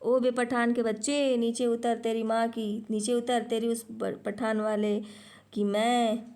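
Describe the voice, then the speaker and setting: A woman voicing a thin, excitable male clerk who shouts insults in a storybook reading. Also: mid-range voice, unhurried, close to an everyday voice. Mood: furious.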